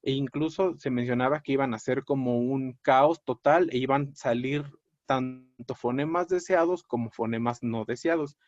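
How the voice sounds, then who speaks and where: A man lecturing on a clinical topic in a measured, explanatory way, often pausing on fillers and correcting himself mid-word. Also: mid-range voice, darkish tone, no room sound. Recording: dry, dull lo-fi audio.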